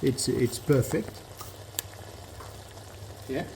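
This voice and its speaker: A man with a French accent, a chef giving a cooking demonstration in a kitchen, chatty and relaxed, often repeating words as he explains. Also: medium pitch, extremely slow, creaky, a little hiss or hum. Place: kitchen at the stove. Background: sizzling frying pan.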